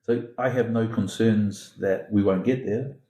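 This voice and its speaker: In this rough, roomy recording, the Singaporean academy founder talks as a guest on a conversational podcast. His low, mellow voice stays steady at a measured pace, yet he is emphatic and repetitive, building each argument through a long metaphor.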